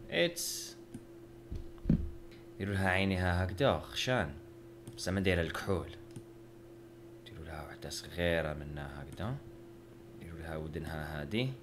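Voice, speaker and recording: A young man, casually talking through a drawing with joking, self-mocking banter. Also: deep voice. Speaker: video creator. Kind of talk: casual narration while drawing.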